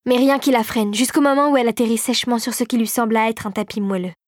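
A woman reads a storybook aloud with an expressive, scripted delivery. Her voice sits somewhat high and falls quieter in the tense moments. The recording is dry and close. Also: fast, no room sound. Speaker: narrator.

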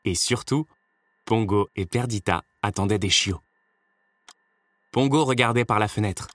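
A man reading a children's storybook aloud in a steady, measured storytelling voice. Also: lowish voice, no echo. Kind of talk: scripted storybook narration.

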